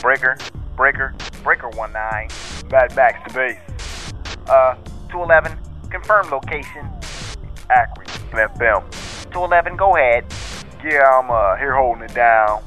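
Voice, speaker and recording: A man's voice: medium pitch, huge pitch swings, a little slow, pauses often, pushed and bright, faint music behind, full character voice. A man talking over a walkie-talkie in radio call-sign chatter, as a drop for a radio show.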